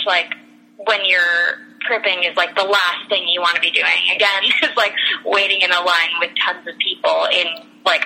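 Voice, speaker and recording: A young woman tells a rambling anecdote in a bright, clear voice that sits at an ordinary middle pitch. Her talk is loose and casual, full of fillers and restarts, and she keeps laughing through it. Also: poor audio. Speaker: guest telling a personal story.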